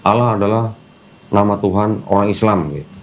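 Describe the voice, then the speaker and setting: A man's voice: fairly low pitch, fairly even intonation, a little fast. A man patiently explaining religious practice step by step, repeating key terms, in casual conversation indoors. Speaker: Islamic teacher guiding a convert. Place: indoors, air-conditioned room.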